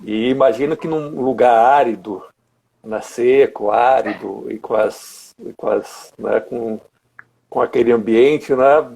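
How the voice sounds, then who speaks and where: Um homem com sotaque brasileiro conduzindo uma conversa informal, refletindo em voz alta com hesitações. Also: male voice, medium pitch, unhurried, vocal fry, a little mellow, husky. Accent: Brazilian. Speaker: interviewer. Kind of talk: casual conversation.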